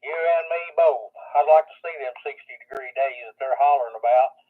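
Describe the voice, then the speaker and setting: A man's voice: medium pitch, brisk. A man checking into a ham radio net, heard as a radio transmission with static, plainspoken and folksy. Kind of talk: casual ham radio chat. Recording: tinny narrow radio signal.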